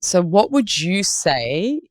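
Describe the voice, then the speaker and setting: A woman working as a performance mindset coach, explaining ideas in an animated way in a podcast interview. She asks guiding questions and acts out anxious inner voices. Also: fairly low pitch, slow, dry recording, studio quality.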